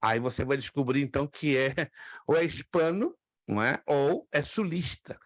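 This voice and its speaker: A man's voice: mid-range voice, expressive, normal speed, no echo. A man from Brazil teaching a class on biblical Greek, patiently repeating words and asking students questions. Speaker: theology teacher. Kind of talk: classroom lecture.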